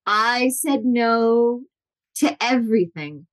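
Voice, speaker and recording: A woman in her forties, a guest in an interview, telling lively anecdotes and acting out the people she quotes. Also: on the high side, slow. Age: 40s. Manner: animated, acts out quotes with shifting voices. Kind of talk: storytelling interview.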